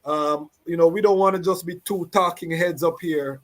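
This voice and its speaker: Man, host, livestream interview, slightly high voice, hesitant. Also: fairly even intonation, moderate pace, fairly bright tone. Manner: hesitant, many "uh" and "um".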